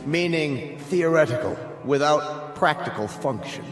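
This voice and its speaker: Cold official in an echoing hall. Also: male voice, fairly high pitch, expressive, a little slow. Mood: condescending. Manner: formal, officious, clipped authoritarian diction. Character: cold, domineering male state official presiding over a hearing. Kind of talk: dramatic radio play acting. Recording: echoey hall with long reverb, music behind.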